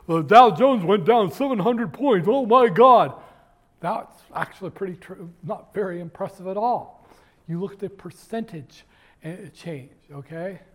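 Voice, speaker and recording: His voice sits high yet sounds darkish as he lectures university students on finance in a classroom. Jokey and digressive, he talks straight to the class, leaning on fillers and often stopping to begin sentences anew.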